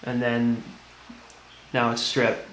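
A man's completely flat, medium-pitched voice takes its time through a casual how-to demonstration. He explains each step plainly while working at a tiled tabletop indoors, where the room echoes and background noise is audible.

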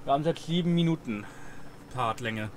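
A man hosts a let's play in a casual, conversational way at a middle pitch. He comments on the game as he plays, with faint noise and game ambience behind him. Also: lively intonation, moderate pace.

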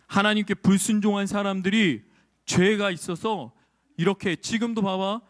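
A male children's pastor telling a Bible story, asking the kids questions in an animated way. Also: sits high, normal speed. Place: church.

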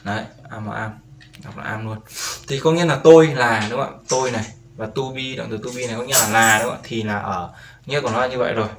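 A man's voice: mid-range voice, fast, a crowd in the background. A man teaching a beginner English lesson, patiently repeating each word and often checking with "right?". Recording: roomy echo with faint background noise.

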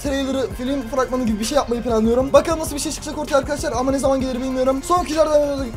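A man's voice: very high voice, rapid-fire, music in the background. A man commentating his own gameplay for a video, talking to himself and crying out at what happens on screen. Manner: excitable, talks to himself and cries out at the game. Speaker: gaming YouTuber. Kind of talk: let's-play commentary.

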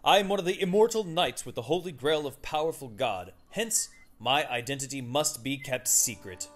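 A man's voice: mid-range voice, expressive, moderate pace, natural voice. A man voicing a noble young knight in a fairy tale cartoon, speaking in a solemn, formal, declamatory way. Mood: solemn, proud. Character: noble solemn young swan knight, loving but firm. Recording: music behind the voice. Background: music.

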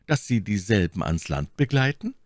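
A man voicing a proud, cunning noblewoman in a high, haughty falsetto, in a dry audiobook reading. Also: very animated, moderate pace, no room sound. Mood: haughty, probing. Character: proud, cunning noblewoman captive, imperious and suspicious.

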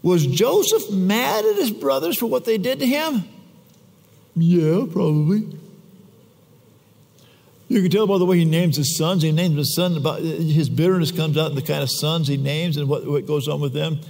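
A man's voice: on the high side, expressive, normal speed, gravelly, a little mellow. A man preaching a sermon in a church, telling the story in a casual, conversational way with chatty asides. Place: church sanctuary. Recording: long church reverb.

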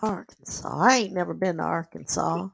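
A woman's voice: fairly low pitch, moderate pace, creaky, slightly rough. An older woman with a spry, feisty, folksy old voice, talking on a phone call. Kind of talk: phone conversation.

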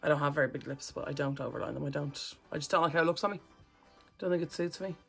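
A woman's voice: low voice, fast, creaky, over music. A woman chatting casually through a makeup tutorial as a vlogger, rambling and correcting herself as she goes.

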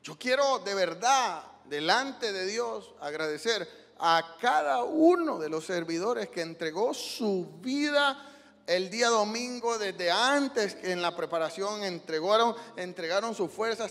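A male pastor preaching an emotional sermon in a church, swinging from hushed lines to loud cries. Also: high-pitched, lively intonation, slow, creaky, long reverb tail. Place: church sanctuary.

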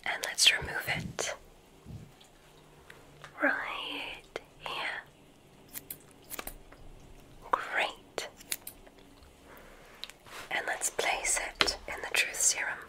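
An ASMR performer slowly whispers in an unvoiced, breathy way as a kind witch doctor who examines students at a magic school. Her manner is gentle, soothing, and unhurried, with theatrical phrasing and soft repeated words.

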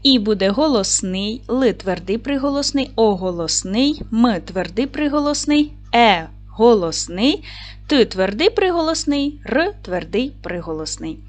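Woman teacher, animated and encouraging, clear classroom delivery, faint music under the voice. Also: on the high side, unhurried. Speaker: primary school teacher. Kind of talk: recorded video lesson for children.

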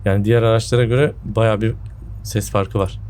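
Male gaming host, lowish pitch, casual commentary, slightly sick throat. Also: steady tone, brisk, darkish tone, a little hiss or hum. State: sick with a sore throat, voice a bit off. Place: indoor room at home.

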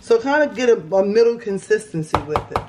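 A woman's voice: medium pitch, lively intonation, quick pace, background noise. A woman with a New Orleans accent, casually walking through a home recipe in a kitchen, easygoing and folksy. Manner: easygoing, folksy, repeats herself. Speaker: home cook teaching a recipe. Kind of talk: casual cooking demonstration.

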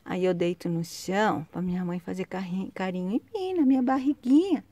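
A woman's voice: mid-range voice, fairly quick, mellow, no echo, natural voice. A woman voicing her small female pet dog, an affectionate little dog begging for cuddles in sweet, cooing baby talk, outdoors in a home garden on a handheld phone. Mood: cooing, needy.

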